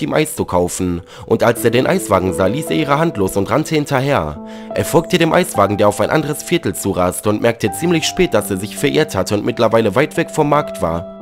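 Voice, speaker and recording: A man narrating a dramatic story in a lively reading tone. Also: mid-range voice. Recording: faint background music.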